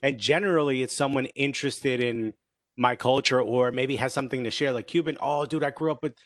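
A man with a New York accent tells stories in a relaxed group chat and jumps into the voices of the people he quotes. His voice sits at a middle pitch, and the recording is close and dry. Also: fairly quick, no echo. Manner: animated storytelling, acts out quoted voices. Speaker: podcast co-host. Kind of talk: casual chat.

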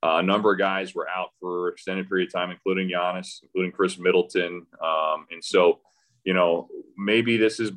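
A radio play-by-play announcer on a podcast as a guest talks about the game at a moderate pace, his low-pitched voice fairly bright with fairly even intonation. The casual sports chat is hesitant and conversational, and he thinks aloud with many false starts.

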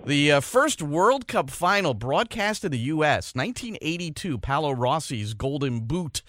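A man's voice: a little high, expressive, moderate pace, fairly bright tone, dry recording, studio quality. A man hosting a radio interview and introducing his guest. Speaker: radio host.

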